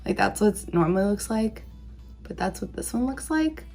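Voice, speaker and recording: A woman's voice: medium pitch, lively intonation, normal speed, gravelly, a little mellow, soft background music. A woman hosting a casual taste-test vlog, talking informally and emphatically in a rambling, conversational way. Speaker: candy reviewer, video host.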